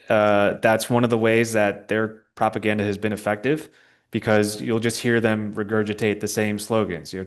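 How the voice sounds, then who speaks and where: Answering questions as a guest, this young man talks politics informally and stumbles a bit while searching for the right words. He speaks on the low side.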